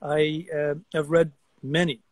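Sitting on an outdoor deck among trees, a guest artist from Guyana in his sixties talks animatedly over a video-call webcam, often repeating himself in this casual conversation. He speaks at a measured pace in a fairly high voice with little pitch movement, and there's no echo.

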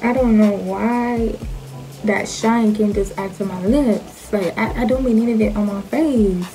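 A woman's voice: medium pitch, unhurried, warm tone, soft background music, poor audio. A young woman with a Jamaican accent chatting casually and playfully to camera, using slang as she answers questions about herself. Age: young adult.

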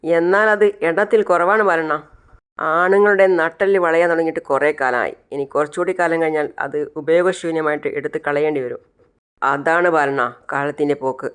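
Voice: mid-range voice, steady tone, a little fast, fairly bright tone, clear, resonant tone, close to an everyday voice. A narrator voicing a remorseful aging father who begs again and again to see his daughter, in a retold television serial. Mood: pleading. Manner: pleading, tearful, repeats "anna".

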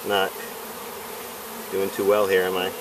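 This low-pitched man is a novice beekeeper working in a leafy yard, casually explaining each step with a hesitant, unsure and self-deprecating manner. Bees buzz loudly around him, captured by an outdoor camera from a distance.

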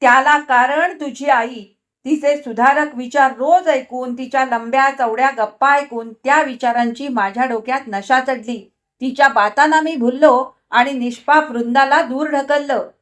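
A woman's voice: high voice, measured pace, voice pushed up. A woman voicing an angry, scornful husband in a storybook reading, sneering and biting.

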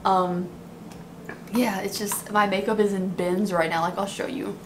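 Young woman kvetching, lower voice, noisy room. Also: steady tone, a little slow. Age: 20s. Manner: kvetching, complaining at length. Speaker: beauty vlogger. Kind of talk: casual chat to camera. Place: small dim apartment room, indoors. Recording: clearly noisy room recording.

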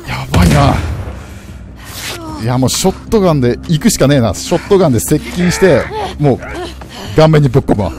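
A man commenting on a game he plays, swinging from low mutters to startled yelps. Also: animated, fairly quick. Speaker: game streamer. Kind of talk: excited let's-play commentary. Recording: game music loud behind voice. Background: game sounds and music.

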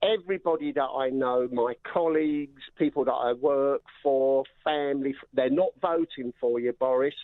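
A man's voice: medium pitch, moderate pace, few pauses, dry recording. An older man from England, a phone-in caller heard over a tinny phone line, ranting about politics and repeating himself as he speaks. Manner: angry, repeats words and trails off. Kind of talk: political rant on a call-in show.

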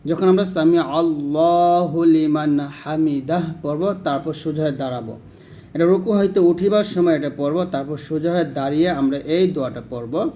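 A man teaching prayer recitation, chanting each phrase slowly and drawn out, then explaining pronunciation quickly in between. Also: on the high side, warm tone, a little hiss or hum. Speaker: religious teacher.

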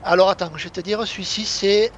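A man's voice: sits high, fairly even intonation, a little fast, a little hiss or hum. A man playing along in a co-op farming game, casually guiding his partner with short directions. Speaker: co-player. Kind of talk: casual gaming chat.

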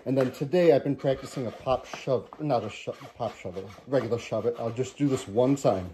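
A man's voice: medium pitch, a little fast, background noise. A man in a casual home vlog, talking from his garage into a handheld camera, rambling with lots of ums and restarts and a bit out of breath. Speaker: vlogger.

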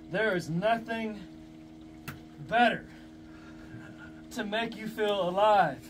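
A man with a very high, excited voice exclaims breathlessly from the cold. His words come out very slowly and stretched, in casual banter. It is a noisy outdoor phone recording. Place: outdoors in a snowy backyard. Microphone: phone camera a few meters away.

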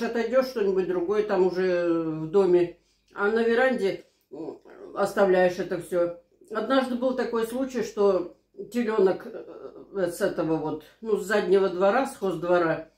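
An older woman in her sixties talks casually at the table, sharing everyday stories. Her voice sits at a middle pitch, and the room around it adds a noticeable echo. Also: a little mellow. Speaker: mukbang vlogger. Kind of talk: casual chat and anecdotes over a meal. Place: small living room at home, indoors. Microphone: camera across the table. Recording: roomy, echoing home room.

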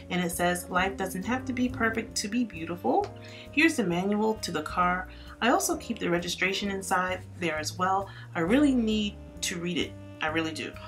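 Her medium-pitched voice fairly bright, a Florida woman who vlogs about lifestyle gives a voice-over tour. She's chatty and upbeat, addressing her viewers as "you guys."

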